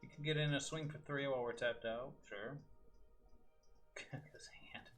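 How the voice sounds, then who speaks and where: A man's voice: medium pitch, fairly even intonation, normal speed, fairly bright tone, faint music behind. A man giving casual gameplay commentary at home, muttering his thoughts aloud with dry little asides. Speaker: gaming video host. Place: room at home with window open.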